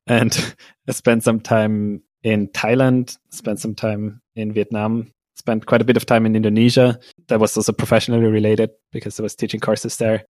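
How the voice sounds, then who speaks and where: A man's voice: fairly low pitch, normal speed, no echo. A man from Austria, a podcast guest, chatting casually with frequent laughs and fillers. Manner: relaxed, laughs often, many fillers. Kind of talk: casual interview conversation.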